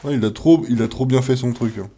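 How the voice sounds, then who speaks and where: A man giving casual commentary while playing a horror game, jumpy, expressive and self-mocking, with swearing. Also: medium pitch, fairly quick, husky. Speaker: video game player and video maker.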